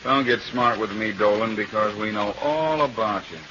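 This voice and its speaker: A man's voice: lowish voice, normal speed, close to an everyday voice. A muffled, noisy old radio recording of a man acting a suspicious beat cop turned detective. He is blunt and clipped, firing tough questions in 1940s crime drama style. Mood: probing, stern. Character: blunt, suspicious small-town police detective, former homicide man.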